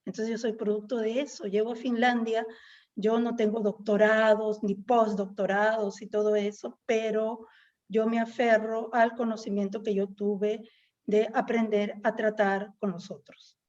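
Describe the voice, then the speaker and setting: Speaking at normal speed with a level, darkish tone at medium pitch, a middle-aged woman from Peru talks as a guest poet in a conversational interview. Her Peruvian Spanish accent comes with reflective musings, frequent "¿no?" tags at the end of thoughts, and "este" fillers. The recording's highs are cut off.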